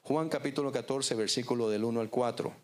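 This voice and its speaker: Man, pastor, sermon, slow dramatic pauses, middle pitch. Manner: preaching with dramatic pauses, acting out voices in stories.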